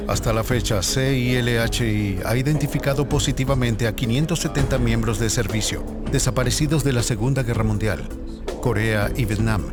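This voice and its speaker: A man reading scripted narration in a measured, serious nature-documentary manner. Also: medium pitch. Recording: music behind the voice. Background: background music.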